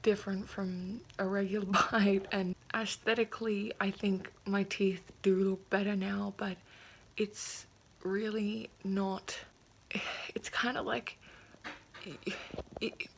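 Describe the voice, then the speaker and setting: 20s girl vlogging w a sore puffy jaw, lots of vocal fry, kinda hesitant and rambly, bit of bg noise. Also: mid-range voice, little pitch movement, slow. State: recovering from jaw surgery, sore puffy mouth with slightly impeded speech. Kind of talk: casual reflective video diary.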